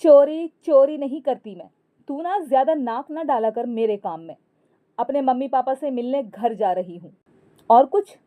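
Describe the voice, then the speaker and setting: A woman voicing a touchy, short-tempered elder daughter-in-law who talks loud and defensive. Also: high voice, animated, moderate pace, narrow, tinny audio, voice pushed up. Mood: sharp.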